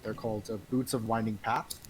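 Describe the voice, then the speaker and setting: A man's voice: on the low side, flat delivery, a little fast. Hesitant male gamer over faint hiss. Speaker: tabletop game player. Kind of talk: casual game talk.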